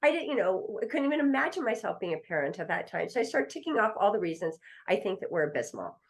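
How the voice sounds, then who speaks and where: A woman's voice: mid-range voice, sing-song, fast. A middle-aged woman, an attorney guest, telling a story in a podcast interview and acting out the voices of the people in it. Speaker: estate planning attorney guest.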